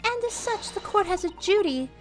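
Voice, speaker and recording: A woman's voice: very high-pitched, lively intonation, moderate pace, faint music behind, pitched above the performer's own voice. A woman voicing a determined, formal and articulate young courtroom defense assistant in a video game. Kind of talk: video game read-aloud voice acting.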